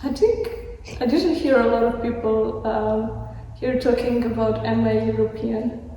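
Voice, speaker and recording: A woman's voice: on the high side, unhurried, warm tone, heavy reverb, big-room sound, distant mic, a little hiss or hum, poor audio. A woman student speaking hesitantly in an interview. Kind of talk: casual interview.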